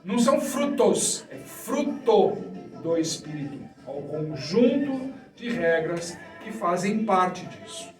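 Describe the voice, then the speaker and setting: High-voiced Brazilian preacher in echoey room. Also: male voice, sing-song, slow pace, few pauses, faint music behind. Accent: Brazilian Portuguese. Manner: didactic, asks and answers own questions. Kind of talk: sermon teaching. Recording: echoey room, mic at a distance.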